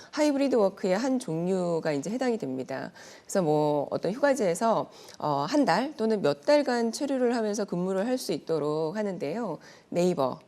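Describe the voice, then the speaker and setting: Appearing on a news segment as an expert, this woman speaks in a dark, lowish voice. Her explanations are courteous, well organized and clearly prepared, moving through each point in turn.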